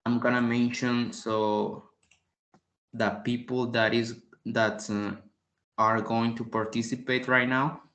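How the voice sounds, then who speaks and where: A man's voice: medium pitch, little pitch movement, a bit bright. Male tutor, patient and repetitive, echoey room recording. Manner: repeats each word slowly, explains patiently, clears throat often. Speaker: English tutor. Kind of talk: online language class.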